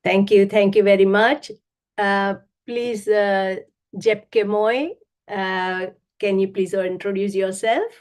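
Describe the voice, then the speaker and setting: A woman's voice: mid-range voice, fairly even intonation, slow pace. Woman host, online meeting, polite and thankful, loose with fillers. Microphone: video call.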